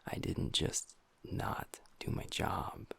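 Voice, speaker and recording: In an audio roleplay, a man voices Ash, a gentle young werewolf boyfriend and pack beta burdened by guilt. He whispers slowly to his partner in a soft, hushed, intimate way, and the mood is subdued.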